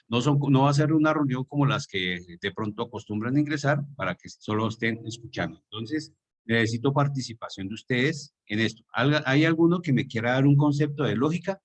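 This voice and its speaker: A man's voice: mid-range voice, fairly quick. A man with a Colombian Spanish accent, teaching an online class over a video call, explaining and quizzing his students.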